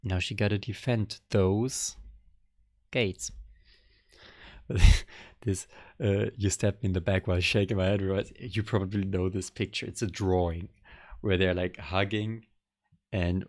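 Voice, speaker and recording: A man's voice: sits low, a little mellow, dry recording, clean studio sound. A young man casually reacting to an album, thinking aloud in a rambling, hesitant way. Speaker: music reaction vlogger.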